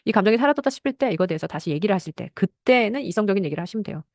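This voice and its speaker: A woman parenting mentor giving a lesson on talking with children, explaining briskly and acting out little parent and child exchanges. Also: mid-range voice, animated, a little mellow, no room sound, clean studio sound. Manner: fast, explanatory, acts out parent and child lines.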